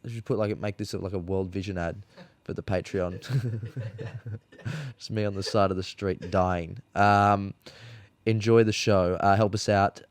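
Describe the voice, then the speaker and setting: Low-voiced man rambling through a podcast plug. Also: steady tone, a little slow. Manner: rambling, joking, profane. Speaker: podcast host. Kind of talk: casual show intro and plug.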